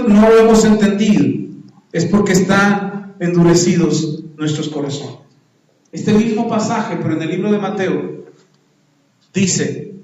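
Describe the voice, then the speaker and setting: A man, preaching a sermon in a church with animated, dramatic delivery and acted-out voices. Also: high voice. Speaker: pastor. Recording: echoey church hall.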